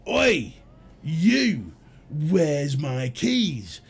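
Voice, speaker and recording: Gruff, rude old woman in a wheelchair, put on by a man; lively, barking delivery. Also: on the high side, very slow, heavily acted.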